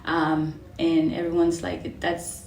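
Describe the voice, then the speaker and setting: A woman in her twenties from Cameroon, answering interview questions in a measured way with fillers. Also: low voice, completely flat delivery, darkish tone, reverberant, slight background noise, poor audio. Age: 20s. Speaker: guest.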